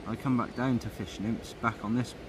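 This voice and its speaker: Speaking at a medium pitch and moderate pace, a man in his thirties rambles to a camera held at arm's length, a phone or action camera, describing his fishing trip from a wooded riverbank. He's relaxed, with frequent ums, and the background is noisy.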